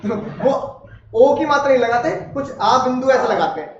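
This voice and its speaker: A man's voice: very high-pitched, animated, moderate pace. A man teaching law to a class, chatty and joking, asking students questions as he goes. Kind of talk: classroom lecture. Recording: roomy, distant, dull classroom recording.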